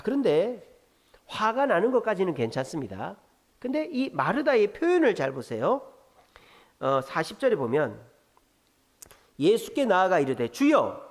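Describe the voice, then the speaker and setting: A man's voice: a little high, darkish tone. A man preaching a midweek sermon in a church, explaining scripture and acting out the quoted lines in a raised voice. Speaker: pastor.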